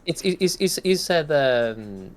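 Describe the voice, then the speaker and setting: A man's voice: a little high, very animated, unhurried. A man co-hosting a gaming podcast, talking in a rambling, casual way and swearing now and then. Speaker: podcast co-host.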